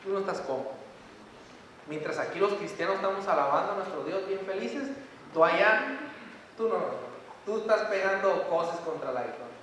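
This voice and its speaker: A man's voice: high-pitched, expressive, moderate pace, a bit bright, a little hiss or hum. A man preaching an impassioned sermon, speaking straight to his listeners. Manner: impassioned, preaching in direct address. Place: church. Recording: echoey church hall, distant mic.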